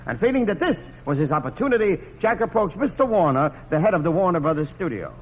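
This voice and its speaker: On a vintage radio show, a man narrates a scripted comic biography in a mock-grand style, setting up punchlines. His voice is high, very animated and quick. The noisy old radio recording also picks up a live audience.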